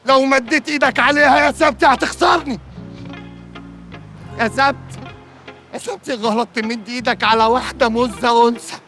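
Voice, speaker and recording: Glib, rambling Egyptian joker. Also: male voice, very high voice, steady tone, sharp tone, soft background music, exaggerated voice. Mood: mock-earnest. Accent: Egyptian Arabic. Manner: fast comic rambling, mock pleading. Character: glib, rambling young man, comic meddler.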